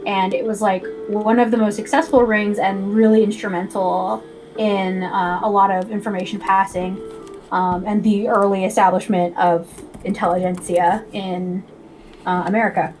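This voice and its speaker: A woman's voice: mid-range voice, steady tone, normal speed, darkish tone, soft background music, low-quality recording. A young woman with an Ohio accent, chatting casually on a game stream, tangent-prone and casually profane. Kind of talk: casual chat while gaming.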